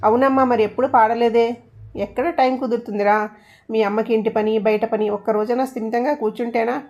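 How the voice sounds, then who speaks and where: A woman voicing a kindly older mother-in-law who speaks gently and coaxingly. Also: on the high side, steady tone, brisk, muffled recording, natural voice. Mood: gentle.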